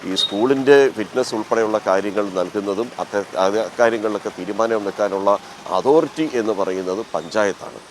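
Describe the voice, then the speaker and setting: A male field reporter giving a live news report, measured, with frequent filler pauses. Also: lowish voice, slight background noise, poor audio.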